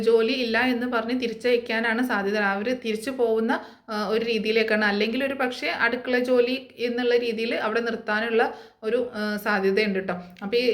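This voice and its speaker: Fast-talking woman retelling a serial. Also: fairly high pitch, fairly bright tone, reverberant. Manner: retells dialogue with frequent fillers. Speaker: serial recap narrator. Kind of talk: casual episode preview retelling.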